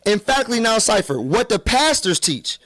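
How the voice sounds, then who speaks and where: A man on a podcast debate, pressing his point again and again. His voice sits fairly high and swings widely in pitch as he argues. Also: big pitch swings, brisk. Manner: forceful, insistent, repeats himself to hold the floor. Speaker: podcast co-host. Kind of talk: heated group debate.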